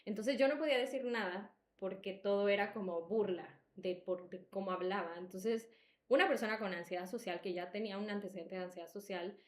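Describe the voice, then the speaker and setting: A young adult woman hosts a podcast, telling personal stories in a candid, emphatic, conversational way. Her Salvadoran accent is softened by Mexican influence, and her mid-range voice moves a little fast in an echoey room.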